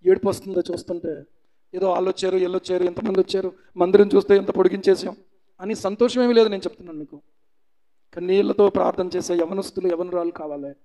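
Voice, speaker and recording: A man preaches a sermon with fervent, rising intensity. His voice sits high, and he keeps pressing the congregation with repeated rhetorical questions. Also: steady tone, fast, dark tone. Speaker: pastor.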